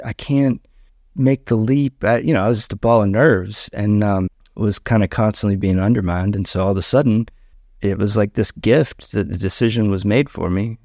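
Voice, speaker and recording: A man's voice: medium pitch, a little mellow, no echo, studio quality. A middle-aged man, a podcast guest, casually telling a personal story and acting out the voices of the people in it. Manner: conversational, acts out quoted voices.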